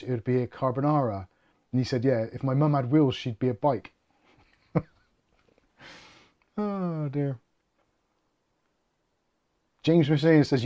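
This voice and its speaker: A middle-aged man from the UK runs a casual livestream for a tech channel, reading viewer comments while rambling and cracking self-deprecating jokes in a medium-pitched, dark-toned voice.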